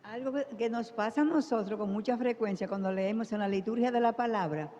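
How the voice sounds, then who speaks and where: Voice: medium pitch, a little fast, mellow, muffled recording. A course participant explaining a point in class after a hesitant start. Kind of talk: classroom remark. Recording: reverberant hall with faint noise.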